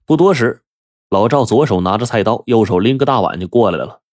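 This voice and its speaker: A man telling a traditional story in a lively, animated storyteller manner. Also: lowish voice, a little fast, no echo, studio quality. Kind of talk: oral storytelling.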